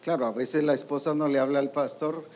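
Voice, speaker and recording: A man preaching with a fairly high voice. He fires off rhetorical questions and acts out the voices he quotes. A faint hiss sits behind him. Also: fairly even intonation, a little fast, darkish tone. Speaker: apostle preaching to ministers. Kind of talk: sermon.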